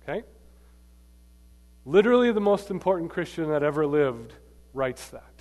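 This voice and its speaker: Man delivering a lively sermon, slightly high-pitched, punchy swings in volume, audience questions, echoing hall. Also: a little fast. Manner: emphatic, swings between loud and quiet, quizzes the audience. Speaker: preacher. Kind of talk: sermon to a live congregation. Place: large church hall. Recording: long hall reverb.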